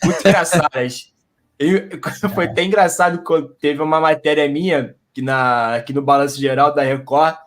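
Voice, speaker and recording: A man from Belford Roxo, a guest who makes history memes, answering in a relaxed, slangy way. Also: fairly high pitch, normal speed. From Belford Roxo, Brazil. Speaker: guest, history meme creator. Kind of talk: casual interview answers.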